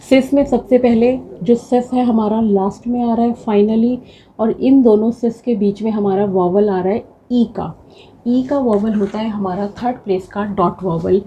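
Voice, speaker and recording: A woman's voice: mid-range voice, warm tone, highs cut off, a little hiss or hum. A woman teaching a shorthand class, patiently repeating each word to drill it. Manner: patient, repeats words slowly to drill them. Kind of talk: slow classroom explanation.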